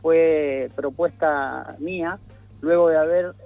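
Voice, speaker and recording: A man's voice: fairly high pitch, slow pace, vocal fry, soft background music. A man, a guest in a radio interview who talks with many restarts and fillers. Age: 40s. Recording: dull lo-fi radio sound.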